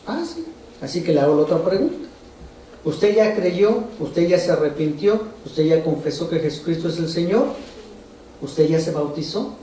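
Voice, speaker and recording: A man preaches in a large church hall, his voice heavily echoing and picked up from a distance. His tone is mellow and a touch high, and he talks to the congregation conversationally, asking them questions directly. A faint room hum sits underneath. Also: moderate pace. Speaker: pastor. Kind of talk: sermon. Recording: roomy echo from far off.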